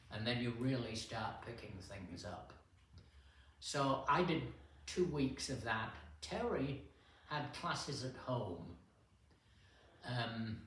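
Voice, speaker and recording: An older man telling a relaxed story to a church men's group, unhurried, with pauses and fillers. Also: mid-range voice. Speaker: guest speaker at a men's fellowship. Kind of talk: casual storytelling talk. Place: church hall. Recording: echoey room, distant mic, faint hiss.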